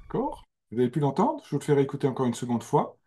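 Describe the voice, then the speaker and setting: A man giving a music lesson, explaining slowly and carefully over recorded music. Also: medium pitch, wildly swooping pitch, background noise. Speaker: music teacher.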